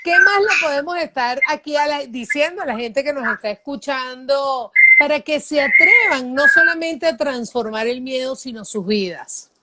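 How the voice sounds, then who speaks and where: Give me a high-voiced woman hosting a motivational chat in an emphatic tone. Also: lively intonation, normal speed, hardly any pauses. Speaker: host. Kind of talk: motivational talk show chat. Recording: loud background noise.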